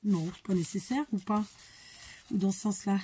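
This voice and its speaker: Chatty, husky woman crafting aloud. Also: medium pitch, normal speed, dark tone. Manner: thinks aloud, mutters to herself while working. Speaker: crafting tutorial host. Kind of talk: casual chatty tutorial while crafting.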